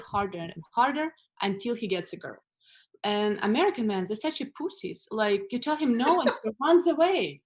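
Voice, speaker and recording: A woman from Russia with a Russian accent, doing a stand-up set over a video call in a deadpan, blunt way, laughing at her own jokes. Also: mid-range voice, a little hiss or hum. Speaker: stand-up comedian.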